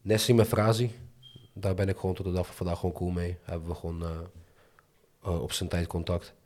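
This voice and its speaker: A man's voice: low voice, level tone, brisk, darkish tone. A young man speaking in casual Dutch street slang, chatting candidly as an interview guest. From moved to the Netherlands from abroad as a child.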